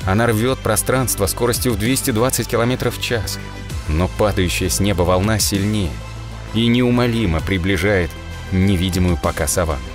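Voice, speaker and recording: A man with a lowish voice narrates a dramatic first-person story like an audiobook reader, delivering it expressively in short, measured phrases over background music.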